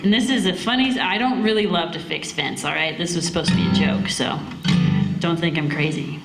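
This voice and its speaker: A woman's voice: on the low side, steady tone, brisk, over loud music. A woman telling stories casually on stage in a folksy, chatty cowboy drawl. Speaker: cowgirl singer and storyteller performing at a cowboy poetry gathering. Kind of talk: casual stage storytelling and folk singing. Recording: roomy live event sound.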